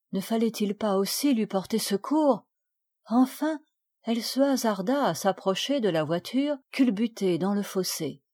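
A woman narrating a storybook aloud in a measured, expressive reading. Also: mid-range voice. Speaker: audiobook reader. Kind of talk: audiobook narration.

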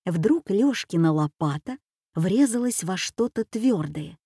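A woman reading a children's adventure story aloud in a slow, measured way. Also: mid-range voice, animated, mellow, husky, no echo, studio quality. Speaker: audiobook narrator. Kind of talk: scripted narration.

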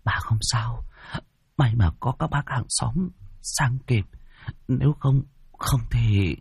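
A man voicing a frail, gentle old grandmother. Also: medium pitch, slow pace, vocal fry, husky, no room sound, clean studio sound, voice pushed up, exaggerated voice. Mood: soft shaken. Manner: calling out, then soft and quavering.

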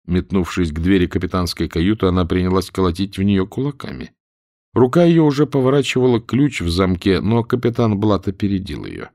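A man reading an adventure novel aloud in measured, dramatic narration. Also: low voice, lively intonation, a little mellow, dry recording, studio quality. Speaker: audiobook narrator. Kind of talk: scripted audiobook narration.

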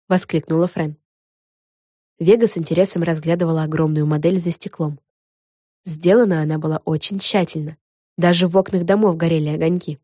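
A woman narrating a children's storybook in an expressive, lively way. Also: fairly low pitch, dry recording, clean studio sound. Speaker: audiobook narrator.

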